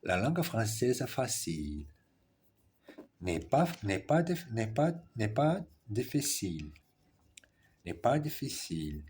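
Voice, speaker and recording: A husky, slow-speaking man whose first language is Portuguese practices French by reading aloud. His voice is lowish and a little mellow, with large pitch swings, and he goes haltingly, carefully, often correcting himself.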